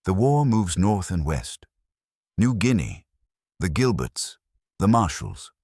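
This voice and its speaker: A man giving grave, measured scripted narration for a history documentary. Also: low voice, sing-song, a little mellow, husky, dry recording, studio quality.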